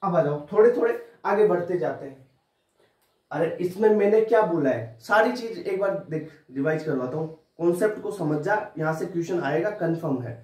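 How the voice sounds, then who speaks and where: High-voiced man teaching chemistry. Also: expressive, moderate pace, a little mellow. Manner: informal, addresses student as "bhai" and "tu", repeats points to drill them. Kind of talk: exam-prep lecture. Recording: roomy classroom audio, mic at a distance.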